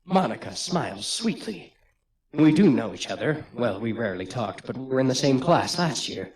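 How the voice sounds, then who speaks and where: A man hosting a let's play, reading the game's text aloud in an expressive way. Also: medium pitch, normal speed. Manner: expressive, often laughing between lines.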